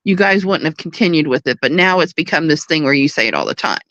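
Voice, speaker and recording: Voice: mid-range voice, expressive, fast talker, fairly bright tone, dry recording, muffled recording. Panelist, dry close sound, mid voice, dismissive and matter-of-fact. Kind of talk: live panel chat.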